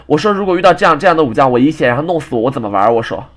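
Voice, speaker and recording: Fast, animated young man ranting. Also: a little high. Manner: ranting, exasperated retelling with frequent restarts. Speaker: game commentator. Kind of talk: casual gameplay storytelling.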